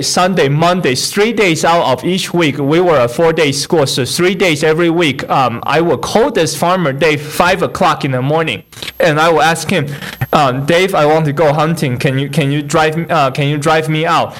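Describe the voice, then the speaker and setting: A young man from Taiwan with a Taiwanese accent sharing his personal testimony at a church service, halting with fillers and restarts and a touch of humor. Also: on the high side, a bit bright. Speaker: guest speaker.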